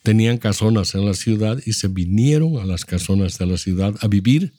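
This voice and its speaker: A very low-pitched man in his seventies speaks with a Bolivian Spanish accent. He explains things at length in a measured, lecturing manner. The recording is close and dry. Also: warm tone, no room sound. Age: 70s. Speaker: interview guest, architect. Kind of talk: reflective storytelling.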